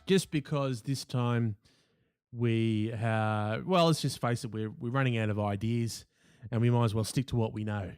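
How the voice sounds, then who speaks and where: A man's voice: mid-range voice, normal speed, darkish tone, clear, resonant tone, dry recording. Australian man hosting with dry mock-seriousness. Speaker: podcast host. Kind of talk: casual comedic chat. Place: home, remote call.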